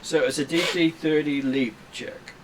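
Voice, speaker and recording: A man's voice: a little high, fairly even intonation, a little slow. A man running a tabletop role-playing game as game master, explaining things in a hesitant way. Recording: faint room hum and noise.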